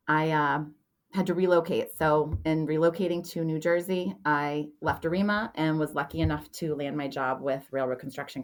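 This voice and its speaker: Low-voiced woman introducing herself. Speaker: podcast guest, association president. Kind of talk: casual podcast self-introduction.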